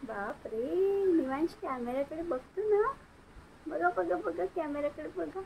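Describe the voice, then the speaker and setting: A woman's voice: high-pitched, normal speed, gravelly, a little mellow, a little hiss or hum, low-quality recording. A young mother with a Marathi accent, talking in singsong baby talk to her infant at home while she films on a phone. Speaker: mother and vlogger. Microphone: phone camera.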